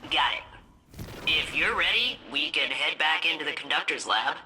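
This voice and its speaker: An actress playing a chatty, joking ship AI in a video game. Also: female voice, deep voice, expressive, background noise. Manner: chatty, joking, quick asides. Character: chatty female ship AI, jokey and eager. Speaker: game character. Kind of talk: video game cutscene dialogue.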